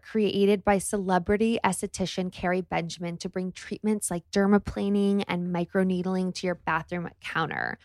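A woman's voice: fairly low pitch, no echo, studio quality. A woman in her thirties hosting a podcast, reading ads and interviewing a guest in a bubbly, gushing way. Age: 30s. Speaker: podcast host.

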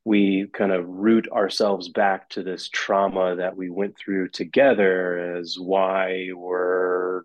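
Measured male therapist, dull dry audio. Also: low voice, level tone, no room sound. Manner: measured, explanatory, with fillers. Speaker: therapist guest. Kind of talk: interview answers.

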